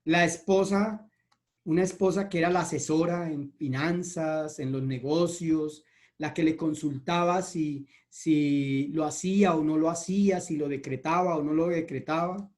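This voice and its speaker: A man's voice: fairly high pitch, fairly even intonation, unhurried, darkish tone. A man preaching a sermon, telling a parable and speaking directly to the congregation. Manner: storytelling, addressing the congregation directly.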